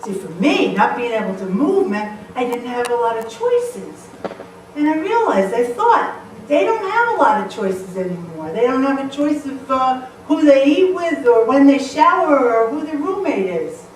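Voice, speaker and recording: On stage before a live audience, a woman motivational speaker tells humorous stories in a high, bright voice at a normal speed. She's lively and playful, often laughing. The mic sits far off in an echoey hall, with faint noise in the background.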